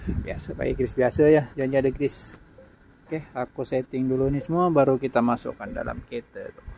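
A man's voice: mid-range voice, vocal fry, a little mellow, a little hiss or hum. A man with a Malaysian Malay accent, a mechanic chatting casually to viewers as he shows a repair outdoors. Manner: chatty, talks to viewers while working. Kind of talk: casual how-to explanation. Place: outdoor workshop floor.

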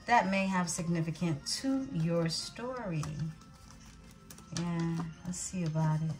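A woman does a tarot reading in a slow, unhurried way. Her voice sits a little low. Soft music plays faintly behind her. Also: expressive. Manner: slow, unhurried, talks to viewers as beautiful ones. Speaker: tarot reader.

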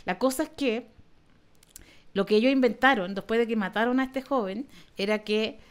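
A woman with a Chilean Spanish accent, hosting a casual chat and explaining things in an animated, irreverent way full of slang. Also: fairly high pitch, normal speed, smooth. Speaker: podcast host.

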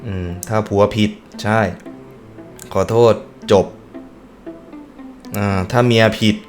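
A man's voice: fairly low pitch, level tone, takes it slowly, a little mellow, soft background music. A man hosting a casual meme reaction video, chatty and musing as he reacts. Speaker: host.

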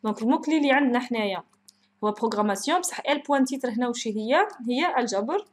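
A woman's voice: on the high side, expressive, racing. A woman lecturer with an Algerian Arabic accent, walking through a programming procedure, mixing in French terms and asking and answering her own questions.

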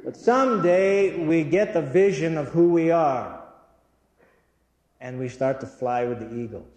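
A man's voice: on the high side, lively intonation, a little slow, darkish tone. Man telling stories in an echoing hall. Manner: earnest, storytelling, addresses audience directly. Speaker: church speaker. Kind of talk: inspirational church talk with storytelling. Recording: echoey hall with long reverb.

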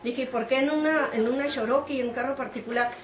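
A woman's voice: high voice, quick pace, a little hiss or hum. A middle-aged woman from Mexico, telling an interviewer what happened to her daughter and acting out the dialogue as she goes. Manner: animated storytelling, acting out quoted dialogue. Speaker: interviewee, mother of the detained woman. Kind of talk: emotional personal account. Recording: echoey room.

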